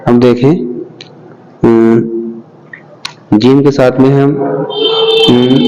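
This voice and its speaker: A man's voice: mid-range voice, warm tone, lo-fi sound. A man teaching an alphabet lesson step by step, patiently repeating each sound and checking that the learner follows.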